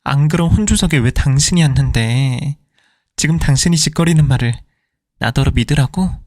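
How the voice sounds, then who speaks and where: A man's voice: mid-range voice, normal speed, a little mellow, no room sound, clean studio sound, natural voice. A man voicing a furious middle-aged wife who fires indignant questions at her husband, in a storytelling reading.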